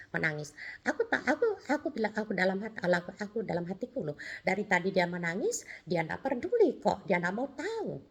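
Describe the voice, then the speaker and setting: Breathy woman telling a personal testimony. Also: mid-range voice. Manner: animated storytelling with many restarts, acting out dialogue. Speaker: testimony speaker.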